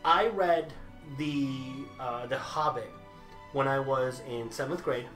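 He takes it slowly, his mid-range voice set against soft background music in a small, echoey room filled with movie memorabilia. In his thirties and raised overseas with Italian as his home language, he debates casually for the Harry Potter side. His delivery is animated, with lots of gesturing and frequent restarts.

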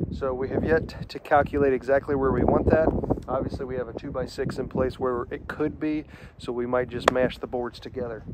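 A man in his thirties, outdoors at a building site, casually explaining the work he is doing, relaxed and thinking aloud. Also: mid-range voice, heavy background noise. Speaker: DIY barn builder.

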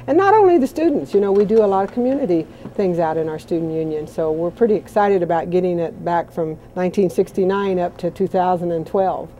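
A woman's voice: fairly low pitch, a little fast, few pauses, mellow, a little hiss or hum. A woman from a college foundation, talking enthusiastically and chattily on camera in a large indoor hall. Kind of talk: on-camera interview.

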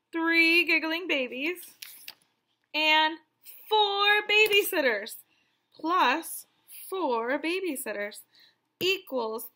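A woman in her thirties, her voice very high-pitched, reads a picture book aloud to young children as a counting lesson. She sounds animated and full of wonder, asking lots of questions.

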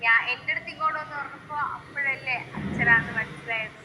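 A young woman being interviewed, speaking softly and consolingly, with hesitant pauses. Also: high-pitched, long reverb tail, noisy background. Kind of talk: emotional interview.

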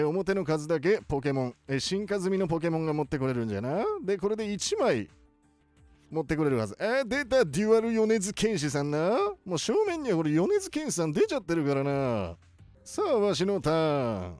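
Male performer as wise old-man professor gaming, high voice, very animated swings, playful exclamations, music underneath. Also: no echo. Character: elderly cartoon professor, excitable old man gamer. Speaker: gaming video host. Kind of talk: video game commentary.

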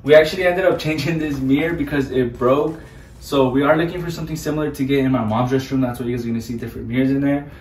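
Speaking quickly in a medium-pitched, darkish voice, a man in his twenties vlogs a relaxed tour of a house's small bedrooms and bathrooms, sprinkling Spanish into his English. He's far from the mic, a handheld camera or phone held by someone else a few feet away, with roomy echo.

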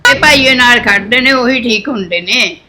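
A middle-aged woman with a Punjabi accent acting a sharp, scolding, sarcastic mother in a village drama. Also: on the high side, normal speed.

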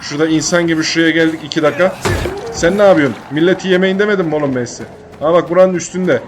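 A man's voice: fairly high pitch, fast talker, noisy background. A young man giving casual let's-play commentary, joking, swearing and bantering at the game. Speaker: gaming YouTuber.

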